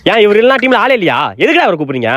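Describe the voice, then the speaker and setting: A woman's voice: medium pitch, big pitch swings, rapid-fire, a bit bright, no room sound, studio quality. A woman performing comedy sketches, switching voices between roles, scolding and teasing. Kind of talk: comic skits playing many characters.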